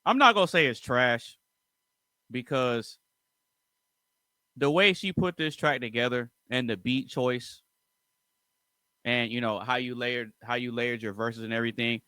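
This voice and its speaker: A man's voice: medium pitch, measured pace, long pauses, sharp tone, smooth, no room sound, studio quality. A man hosting a casual music reaction, giving opinionated commentary and lecturing straight to his viewers.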